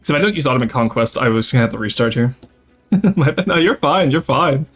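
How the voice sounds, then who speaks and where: A young man from Quebec, Canada, a French Canadian with a light Québécois accent, streams a strategy game while chatting casually with viewers. His mid-range voice is a bit bright and quick-paced, with soft music in the background. He chats away, reading and answering chat during a casual gameplay livestream.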